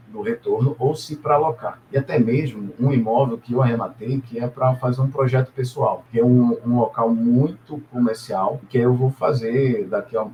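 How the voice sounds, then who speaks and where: A middle-aged man, speaking at a middle pitch as an interview guest. He tells his experiences in a relaxed, unhurried way, stumbling over words and adding tag questions as he goes. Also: muffled recording, a little hiss or hum. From Salvador, Brazil. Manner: relaxed storytelling with many hesitations and tag questions. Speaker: guest, businessman and property investor.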